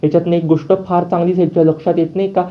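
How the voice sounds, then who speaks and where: A kind young heroine speaks gently and reassuringly, as a man voices her in a serial recap. The pace is quick and the pitch slightly high. The audio is dull and lo-fi. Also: level tone, lightly acted. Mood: gentle.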